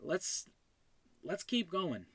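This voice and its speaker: Speaking very slowly in a husky, high-pitched voice with big swings in pitch, the creator-host of an animated web series offers a casual, unscripted thank-you on his own show. He's effusive and emotional, clearly overjoyed, and keeps stammering and trailing off; no room sound is audible.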